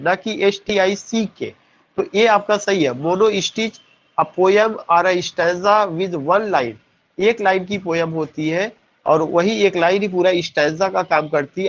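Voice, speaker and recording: A man's voice: high-pitched, lo-fi sound. A man teaching poetry terms in an exam-prep lesson, asking questions and answering them, spelling words out letter by letter.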